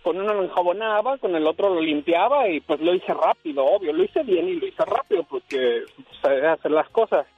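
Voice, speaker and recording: A man tells his story on the radio in a fairly high, husky voice. The sound is dry and dull, like a lo-fi broadcast. He acts out the lines of the people in the story with energy. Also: a little fast. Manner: animated, acts out dialogue. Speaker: radio caller. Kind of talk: casual storytelling on air.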